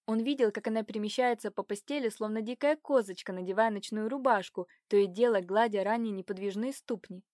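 A woman reads a historical romance novel aloud at an even, measured pace. Her voice sits at a middle pitch. The recording is close and dry, with no room sound. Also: dry recording. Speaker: narrator.

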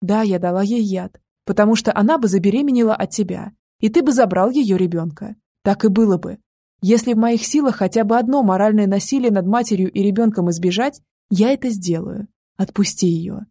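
A woman voicing a grieving mother who pleads softly and earnestly with her grown son, in an audiobook. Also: medium pitch, a little fast, husky, dry recording, clean studio sound. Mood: pleading.

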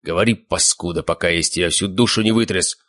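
Мужчина озвучивает вспыльчивого пожилого главу семьи, который рявкает и грубо угрожает. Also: male voice, sits low, quick pace, a bit bright. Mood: angry, gruff. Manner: barking, rough, threatening. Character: gruff hot-tempered older father, head of family.

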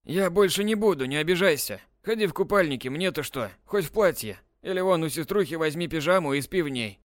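A man's voice: fairly high pitch, animated, a little fast, no echo, natural voice. Brief: narrator playing a cocky teen boy, brash and mocking, slightly raised voice, dry close read. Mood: apologetic. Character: teenage boy, cocky teasing brother. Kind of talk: audiobook character voice.

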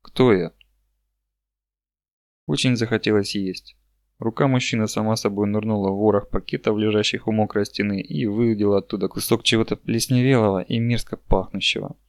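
Guy with a lowish voice reading a novel out loud, steady pace, dry close sound. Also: fairly quick, dry recording. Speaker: audiobook narrator. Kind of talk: scripted narration.

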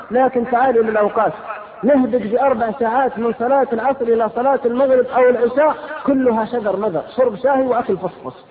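Passionate preacher, rapid and scolding, recorded thin and phone-like in an echoing hall. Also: male voice, extremely high pitch. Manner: impassioned, rhetorical, scolding. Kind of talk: fiery sermon. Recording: lo-fi phone-like sound, long hall reverb.

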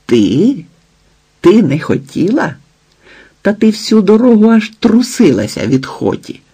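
A man's voice: a little high, lively intonation, slow, breathy edge, heavily acted. A man doing a furious jealous husband. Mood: mocking, accusing. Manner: shouting, coarse, accusing.

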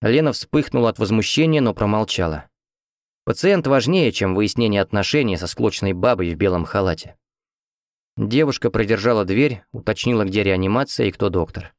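A man narrating an audiobook in the first person with a steady, even reading. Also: on the low side, normal speed, no echo, clean studio sound. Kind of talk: scripted narration.

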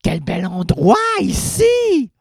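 A man voicing an overly polite man ordering water abroad, speaking slowly and loudly and pronouncing every syllable with exaggerated care. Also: high voice, huge pitch swings, vocal fry, husky, no echo, studio quality, pitched above the performer's own voice, full character voice. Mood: prim. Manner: slow, loud, exaggerated over-articulation.

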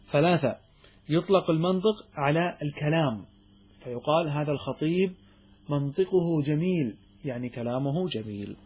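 Guy lecturing students, kinda husky and a bit high, quizzes them then answers himself, lots of restarts. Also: lively intonation, moderate pace, a little mellow. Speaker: sheikh teaching a logic text. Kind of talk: classroom lecture.

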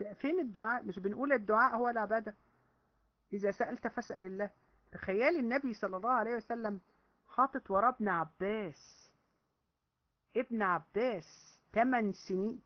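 A woman's voice: mid-range voice, lo-fi sound. A woman with an Egyptian accent teaching a religion lesson to a class of women, scolding them with teasing rhetorical questions. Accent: Egyptian Arabic.

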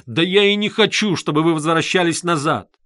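A man's voice: on the high side, brisk, no echo, clean studio sound, natural voice. A man voicing a proud, fiery young woman who speaks curtly and sharply in an audiobook reading. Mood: outraged. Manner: curt, sharp.

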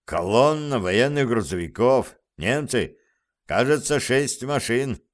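A man voicing a brisk male guerrilla leader who gives curt orders, read as audiobook dialogue. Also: medium pitch, lively intonation. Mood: commanding.

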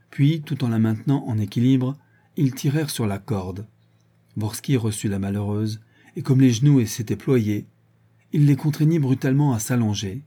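Give me a man narrating a classic novel with a measured, theatrical delivery and a husky voice. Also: on the low side, dark tone. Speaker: audiobook narrator. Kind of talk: dramatic literary narration.

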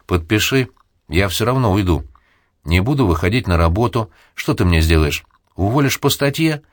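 A proud young woman who answers coldly and will not back down, as a man reads her. Her lines are spoken in a deep voice, close and dry, in a storybook manner. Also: lively intonation, moderate pace, dry recording, close to an everyday voice. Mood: defiant. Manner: cold, defiant.

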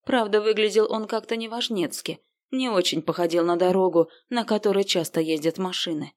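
A woman narrates an audiobook. She reads in an even storytelling manner at a middle pitch. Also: a little fast. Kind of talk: scripted narration.

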